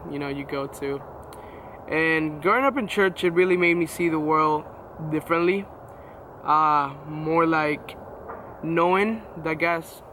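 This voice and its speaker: This young Venezuelan guest, nineteen and a native Spanish speaker with his country's accent, recounts his testimony casually amid slight background noise. His fairly high voice sounds pushed and bright, and he leans heavily on fillers and restarts.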